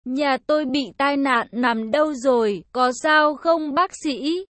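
A desperate mother in her forties, her voice trembling with tears as she begs for help, voiced by a woman reading the story. The voice sits high and close, with a dry, unechoing sound. She pleads over and over in an audio story. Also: slow, a bit bright, no echo. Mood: pleading distraught. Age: 40s. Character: distraught middle-aged mother sobbing over injured son.

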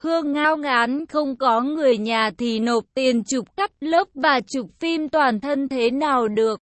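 High-voiced woman narrating a story. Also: a little slow, no room sound.

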